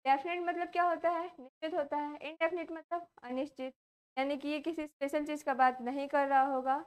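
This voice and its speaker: A young woman with an Indian accent teaches a grammar lesson in a high, clear voice. She keeps asking her class questions and then answers them herself, repeating each key point. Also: steady tone, fairly quick.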